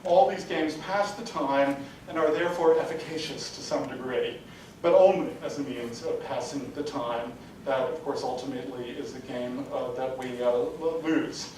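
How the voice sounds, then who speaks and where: A man with a darkish voice and moderate pace gives an adult-education lecture, rambling and full of "sort of, you know" fillers. Recorded in a lecture hall with a distant mic, the room is very echoey with faint rumble.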